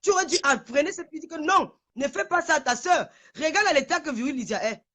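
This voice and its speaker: Furious high-voiced woman ranting. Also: expressive, fairly quick, bright, forceful tone. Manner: furious, insulting, repetitive; stammers when worked up. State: trembling with anger. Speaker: livestreamer. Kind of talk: angry livestream rant. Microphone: phone on a live stream.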